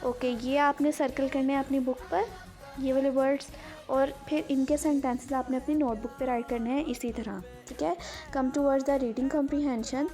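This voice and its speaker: A woman's voice: sits high, steady tone, dark tone, faint music behind, poor audio. A woman teacher with a Pakistani accent giving an English grammar lesson to young students, mixing English with Urdu explanations. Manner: slow, switches between English and Urdu explanations.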